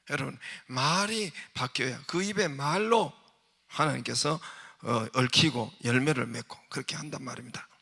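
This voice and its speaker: A man's voice: a little high, vocal fry, pushed and bright. A man preaching a Sunday sermon as pastor, emphatic and constantly putting rhetorical questions to the congregation. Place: church sanctuary.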